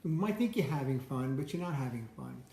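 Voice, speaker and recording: A man's voice: medium pitch, animated, brisk, gravelly, dark tone, roomy sound. A man talking casually in a rambling monologue, often repeating words as he starts sentences. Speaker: host.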